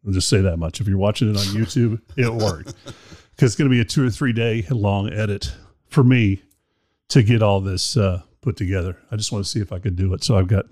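A man's voice: fairly low pitch, a little mellow, no room sound, clean studio sound. A man hosting a podcast in casual chat, talking in a rambling, chatty, self-deprecating way. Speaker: podcast host. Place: indoor room.

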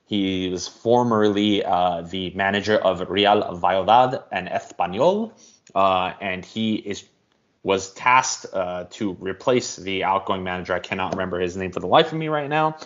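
A man co-hosting a casual football podcast, explaining at length in a measured way with frequent ums. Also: sits low, fairly bright tone. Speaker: podcast co-host. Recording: dull lo-fi audio.

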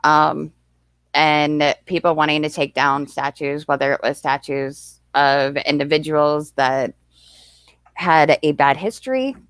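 A woman's voice: low-pitched, slow pace, clean tone, no echo. Chatty young woman streamer. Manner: chatty, rambling, thanks viewers often. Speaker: livestream host. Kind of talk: casual stream chat.

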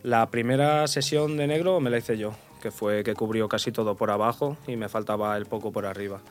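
A man in his twenties from Portugal, a podcast guest chatting casually and relaxed, laughing often and trailing off softly. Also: lowish voice, a little fast. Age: 20s. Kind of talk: casual chat.

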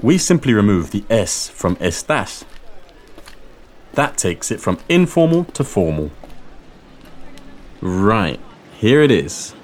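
A man hosting a scripted language lesson, speaking slowly and clearly and repeating phrases. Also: fairly low pitch, very animated. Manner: slow, clear teaching delivery with repeated phrases. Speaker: language teacher and host. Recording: faint guitar music underneath.

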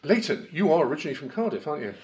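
A man hosting his own interview podcast, asking measured questions. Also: fairly high pitch, sing-song, darkish tone. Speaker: podcast host and reporter.

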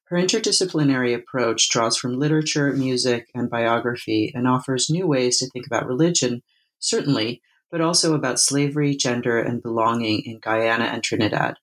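On her book interview podcast, the host opens with a scripted introduction before moving to measured, somewhat hesitant questions. Her voice rumbles low, and the recording is rough.

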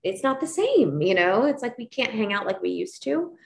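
A woman's voice: a little high, sing-song, normal speed, vocal fry. A woman in her forties, a guest on an interview, speaking candidly and reflectively with frequent restarts and you-knows. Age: 40s. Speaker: guest, pediatric dentist.

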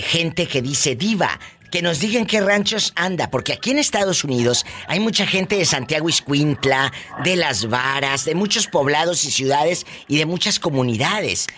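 Flamboyant, high-energy Mexican radio host man. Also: animated, moderate pace, pushed and bright, slight background noise. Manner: flamboyant, teasing, shrieks with delight. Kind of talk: lively call-in radio banter.

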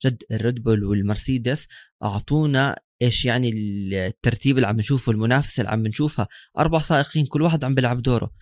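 A man's voice: medium pitch, racing, darkish tone, no room sound, clean studio sound. A man with a Levantine Arabic accent giving casual sports commentary as a co-host in a discussion. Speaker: motorsport podcast co-host.

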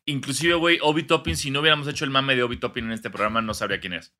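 A man's voice: medium pitch, steady tone, bright, forceful tone. A young man with a Mexican accent co-hosting a casual sports podcast, riffing playfully and recording remotely from home. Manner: playful, riffing, quick to laugh. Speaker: podcast co-host.

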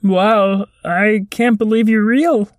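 A woman's voice: medium pitch, fairly even intonation, takes it slowly, no echo, studio quality, voice pushed up, close to an everyday voice. A woman voicing an eager, whiny little squid monster boy in a children's story. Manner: whiny, pleading. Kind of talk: storybook character voice.

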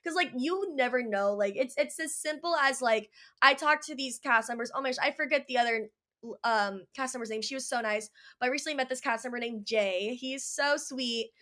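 A woman's voice: high-pitched, fairly quick, pushed and bright. A young adult woman chatting casually as a podcast guest, bubbly and full of fillers like "like". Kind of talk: casual chat.

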